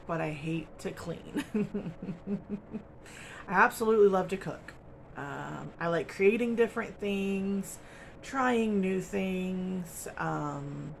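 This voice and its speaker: A woman's voice: on the low side, creaky, slight background noise. A woman chatting casually to camera as host of a crochet channel, rambling along with lots of ums and little laughs, from home. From United States.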